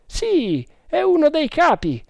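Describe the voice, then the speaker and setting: Narrator playing a booming high-pitched sergeant. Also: male voice, wildly swooping pitch, slow pace, creaky, darkish tone, dry recording, heavily acted. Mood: confiding. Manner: hearty, calling out. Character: loud high-voiced male sergeant, jovial and bossy.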